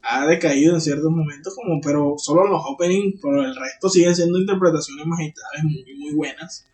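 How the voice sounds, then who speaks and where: High-voiced man chatting casually. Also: fairly quick, a little mellow, far from the mic. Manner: explains eagerly, jokey. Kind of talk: casual chat about anime.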